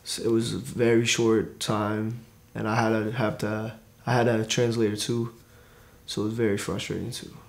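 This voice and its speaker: A man's voice: on the low side, little pitch movement, normal speed, vocal fry. A teenage boy born in Korea, answering interview questions plainly and a little hesitantly, in a studio. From born in Korea, raised in New York. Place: studio against grey backdrop.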